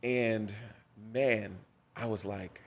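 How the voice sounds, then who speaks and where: A man's voice: on the low side, extremely slow, vocal fry. A man, a pastor and podcast guest, telling personal stories in a conversation with a preacher's cadence and lots of repetition for emphasis. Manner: animated storyteller, preacher's cadence, repeats for emphasis. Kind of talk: conversational storytelling interview.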